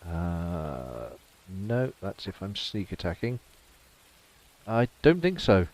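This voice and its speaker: Low-pitched, very animated and slow, with a darkish tone, this man's voice comes through a podcast mic. He's a player in a casual tabletop game, chatty and self-mocking, who sometimes counts aloud.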